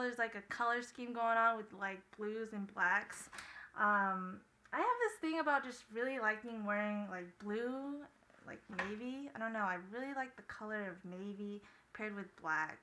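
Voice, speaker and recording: A woman's voice: on the high side, bright, forceful tone, slight background noise, poor audio. A young woman chatting casually through a clothing haul video, rambling and full of filler words. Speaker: vlogger.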